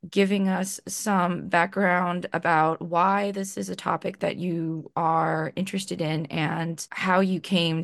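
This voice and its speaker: A woman hosting a podcast, introducing her guest in a measured, slightly halting way. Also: lowish voice, gravelly, no echo, studio quality. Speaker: podcast host. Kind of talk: interview introduction.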